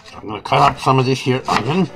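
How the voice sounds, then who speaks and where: An older man with a gravelly, creaky voice talks through a home cooking demonstration in a relaxed, folksy way, slipping in the odd pirate joke. A pan sizzles in his kitchen while music plays clearly underneath his voice. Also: medium pitch, quick pace, poor audio. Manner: folksy, chatty, with occasional pirate jokes. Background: sizzling frying pan and music.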